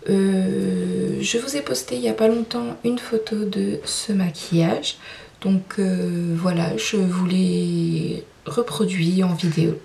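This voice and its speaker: A woman's voice: medium pitch, takes it slowly, creaky, mellow. A young woman chatting through a makeup tutorial, hesitant and full of fillers. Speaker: beauty vlogger. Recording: roomy sound, mic at a distance.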